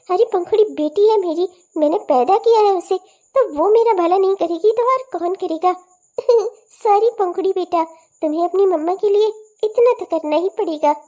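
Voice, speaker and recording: A woman's voice: extremely high pitch, moderate pace, mellow. A woman voicing a cruel, greedy young mother in a cartoon who talks slyly and gloats. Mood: scheming, gloating. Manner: sly and gloating, snapping into harsh threats. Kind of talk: cartoon voice acting.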